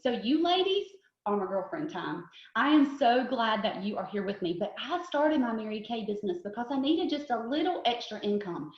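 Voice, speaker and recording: A woman in her forties gives an upbeat, chatty product demonstration, pitched a little high. She talks straight to her viewers and asks them to repeat after her. The sound is roomy and slightly dull. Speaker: beauty consultant presenter.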